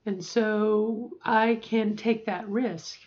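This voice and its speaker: A woman's voice: medium pitch, fairly even intonation, very slow, darkish tone, muffled recording. A woman in her forties talking casually to camera, rambling and correcting herself as she gives advice. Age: 40s. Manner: rambling, self-correcting, chatty. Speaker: vlogger.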